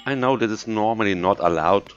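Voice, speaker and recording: A man with a Bavarian accent, a native German speaker, commenting on a game in English and then repeating each line in German, excitable and prone to swearing. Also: fairly low pitch, brisk, lo-fi sound. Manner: excitable, with swearing and sudden outbursts. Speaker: gaming video host. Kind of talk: bilingual gameplay commentary. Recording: loud game music behind the voice.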